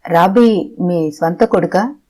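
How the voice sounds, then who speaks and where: A narrator of an audiobook voicing a middle-aged man who presses a family with quick, pointed questions. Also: mid-range voice, darkish tone. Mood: questioning.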